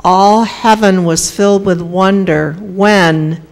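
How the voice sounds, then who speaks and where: Female narrator, scripted Bible drama. Solemn, deliberate, unhurried reading at medium pitch.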